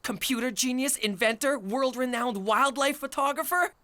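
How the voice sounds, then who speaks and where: A woman's voice: sits high, moderate pace, pushed and bright, dry recording. A woman voicing an earnest, polite fifteen-year-old boy in a cartoon. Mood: eager.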